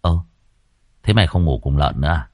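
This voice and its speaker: Guy doing a low mumbly young farmhand, stammery, dry sound. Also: expressive, a little fast, dry recording. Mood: grumbling. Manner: stammering, deferential. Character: timid young male farmhand servant.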